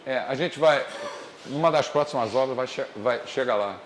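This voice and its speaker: Brazilian male lecturer in an echoey room. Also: medium pitch. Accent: Brazilian Portuguese. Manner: explains step by step, deliberately slow on key points. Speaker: economics lecturer. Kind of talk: classroom lecture. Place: classroom. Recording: echoey classroom, faint noise.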